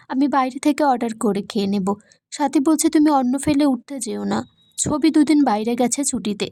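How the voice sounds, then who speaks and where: A woman reading a plot recap of a TV serial episode, telling the story in a steady way and voicing the quoted lines in the same voice. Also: sits high, dry recording.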